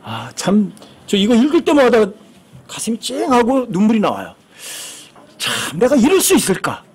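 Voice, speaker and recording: Husky, animated male pastor preaching. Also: sits high, moderate pace. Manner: animated, asks the congregation questions, acts out quoted lines. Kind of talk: sermon.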